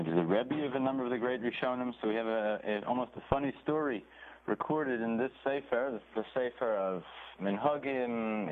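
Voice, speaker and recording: A man gives a Torah lecture at a middling pitch, reading out phrases and translating each one as he retells a story. The sound is thin and phone-like, with a faint hiss underneath. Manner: reads Hebrew phrases then translates, animated storytelling. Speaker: rabbi teaching a Torah class. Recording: tinny phone-like recording with faint noise.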